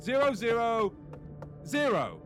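A man's voice: very high-pitched, wildly swooping pitch, slow, fairly bright tone, faint music behind, full character voice. A man playing a pompous, scatterbrained detective in a comedy audio drama, delivering his lines with theatrical flair. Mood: pompous dotty. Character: pompous, dotty male detective.

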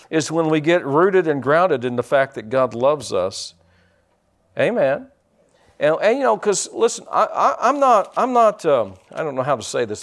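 A middle-aged man preaching a sermon as pastor, fervent and halting, repeating words and building to loud emphatic peaks. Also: a little high.

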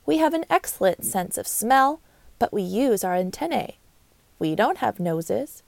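Busy friendly ant lady, a woman putting her on, bold and lively, dry close mic. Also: medium pitch, creaky, no echo. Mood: chatty. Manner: brisk and loud, matter-of-fact. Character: strong, proud female worker ant, busy and friendly.

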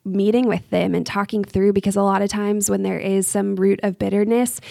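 A woman speaks in a deep vocal fry with a mellow, dark tone. She gives gentle, earnest advice in a reflective faith discussion. Her pitch stays quite flat, and the recording is close and dry. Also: no room sound. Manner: earnest, measured, gently advising. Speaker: podcast co-host, university staff.

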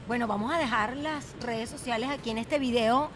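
A woman's voice: fairly high pitch, moderate pace, background noise. A woman hosting an interview podcast, chatty and asking questions. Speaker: podcast host.

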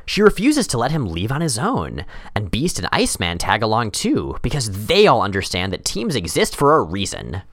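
A man's voice: lowish voice, huge pitch swings, moderate pace, fairly bright tone, no room sound. A man narrates a scripted comic recap as a co-host. His intonation leaps up and down dramatically, with a playful, wordy flourish. The recording is close and dry. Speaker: podcast co-host.

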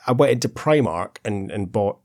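Low-voiced man, dry close recording. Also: expressive, normal speed, darkish tone, dry recording. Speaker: podcast co-host. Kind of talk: casual chat, comic storytelling.

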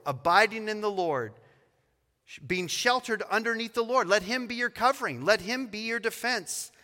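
A man pastor preaching an expository sermon, reading scripture slowly and with emphasis. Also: sits high, pushed and bright, big-room sound. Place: church sanctuary.

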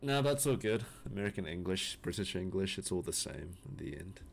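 A man with a very low voice hosts the interview, asking questions in a loose, joking manner. Faint background noise sits under his voice. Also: fairly quick, vocal fry. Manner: relaxed, jokey, laughs between questions. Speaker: podcast host. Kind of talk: casual interview conversation.

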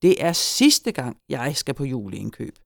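A woman voicing a grumpy little old male farm gnome who shouts and huffs, in a storybook reading. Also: a bass voice, sing-song, creaky, no echo, studio quality, exaggerated voice. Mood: grumbling. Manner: shouting, huffy, cantankerous.

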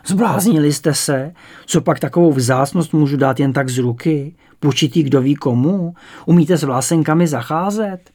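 A man's voice: a little high, expressive, gravelly, darkish tone. A man voicing a haughty old lady. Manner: prim, formal politeness. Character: suspicious, haughty, heavily made-up old woman.

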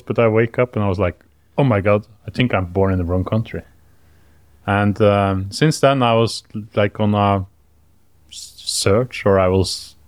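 A Norwegian man co-hosting a podcast, speaking English hesitantly with many pauses and fillers. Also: on the low side, dry recording, studio quality. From Norway. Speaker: podcast co-host. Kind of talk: casual podcast chat.

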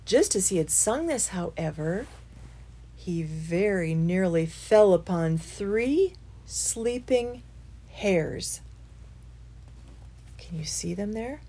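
A woman reading a bedtime story aloud to children, hushed and sometimes dropping to a whisper. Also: on the low side, expressive, takes it slowly, long pauses, slightly rough.

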